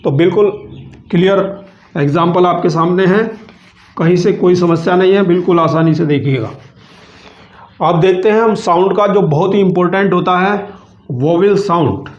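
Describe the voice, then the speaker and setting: A male teacher giving a grammar lesson, who explains patiently, repeats himself slowly and keeps addressing viewers as friends. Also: high voice. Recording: echoey room, dull lo-fi sound.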